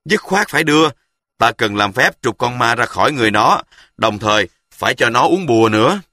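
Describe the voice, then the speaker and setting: A man's voice: medium pitch, animated, brisk, bright, forceful tone, dry recording, clean studio sound. A man voicing a pompous, domineering middle-aged male sorcerer who speaks in a commanding, grandiose way.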